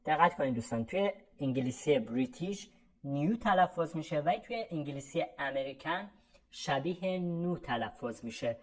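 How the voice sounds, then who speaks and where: Low-voiced woman teaching English. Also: animated, rough recording. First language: Persian. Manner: slow, drawn-out model sentences between brisk explanations. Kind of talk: online language lesson.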